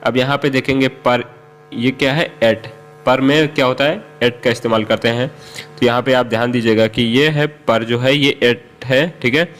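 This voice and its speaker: A man teaching English in Hindi, explaining each example and slowing down to say the English sentences. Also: mid-range voice.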